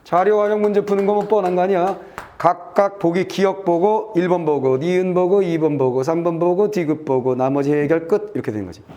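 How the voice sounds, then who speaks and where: A male Korean exam-prep teacher walking students through a test passage, reading lines aloud and checking in with quick asides that trail off low. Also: warm tone. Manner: brisk and chatty, reads aloud then checks "됐지?" and trails off low.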